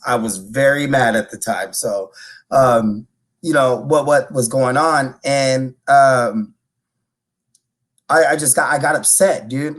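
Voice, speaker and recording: A man on a podcast, retelling a personal story in a loose, animated way, with restarts and swearing. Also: medium pitch. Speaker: podcast co-host. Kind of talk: casual conversation.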